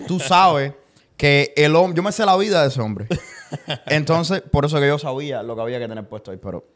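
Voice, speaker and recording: A man's voice: on the high side, animated, brisk, fairly bright tone. A man, hosting a podcast interview in a joking, playful way with English words mixed in. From Cuba. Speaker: podcast host.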